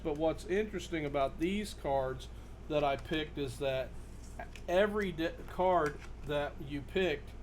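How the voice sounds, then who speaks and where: A man giving a casual, halting demonstration to camera as a performer showing a card trick. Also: on the high side. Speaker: magician and performer presenting his card trick. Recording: noticeable background noise.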